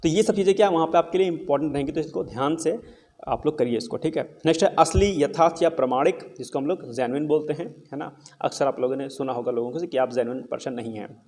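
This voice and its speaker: A young man with a slightly high voice teaches exam vocabulary in a relaxed, encouraging way. He keeps asking his students a question and then answering it himself. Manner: casual, encouraging.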